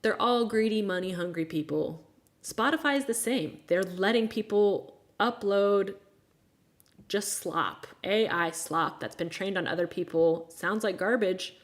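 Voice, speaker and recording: Speaking a little slowly at a medium pitch, a woman in her thirties from the US runs a casual livestream chat. She talks frankly, punctuated by sarcastic, exasperated remarks.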